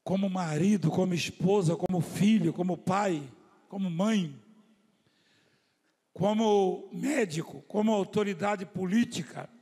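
High-voiced preacher, husky, in a reverberant hall. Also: male voice. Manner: slow emphatic preaching, swinging from loud declarations to soft asides; acts out the voices of people in his stories. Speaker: apostle preaching to his church. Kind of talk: sermon.

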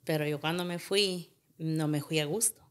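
Appearing as a podcast guest, a woman with a deep voice recounts a painful personal story at a moderate pace and fairly even intonation. She retells events largely through reported dialogue, repeating what everyone said.

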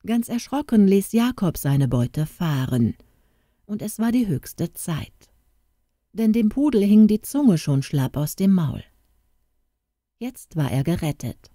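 A woman reading a Christmas story aloud in a calm, expressive way. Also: low-pitched, dry recording, clean studio sound.

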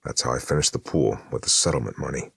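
A man voicing a quiet, reserved older widower who runs a motel, in an audiobook. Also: extremely low pitch, fast, vocal fry, breathy edge, no echo, exaggerated voice. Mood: subdued. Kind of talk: audiobook narration.

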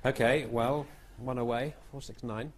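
A man hosting a television word and numbers quiz. He speaks at a middle pitch in a chatty, jovial manner, with a light hiss under the voice. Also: steady tone, a little slow. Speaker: quiz show host. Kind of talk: game show hosting.

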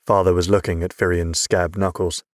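An audiobook narrator reads a fantasy novel as scripted narration, his voice very deep and measured. His delivery stays steady and even, and the recording is close and dry with no room sound at all.

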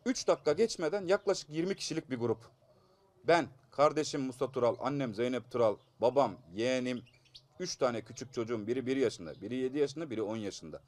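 A man's voice: mid-range voice, fairly quick. A man in his thirties with a blocked, congested nose, telling a news interviewer about an assault in an urgent, aggrieved and pleading manner. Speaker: assault victim giving a statement.

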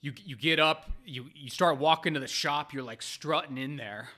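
Blunt, profane man with a bright voice. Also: moderate pace. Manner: blunt, profane, animated with swings between loud bursts and low mutters. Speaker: poker player vlogger. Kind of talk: casual storytelling monologue.

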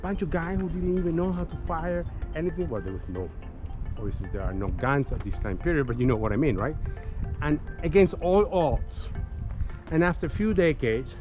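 This guide's voice is a little high and very animated, at normal speed but with long pauses, and music plays behind him in a rough recording. He gives a casual street-side history talk into a camera mic, chatty, addressing everyone as "guys," peppering in "okay" and "right," restarting often and chuckling.

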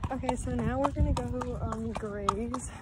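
A woman's voice: on the high side, a little slow. Rambling teenage girl at a barn. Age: teens. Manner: chatty and rambling, many ums and restarts. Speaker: vlogger. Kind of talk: casual vlog chat. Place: horse barn and outdoor pasture. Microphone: phone held at arm's length. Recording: loud background noise from a barn.

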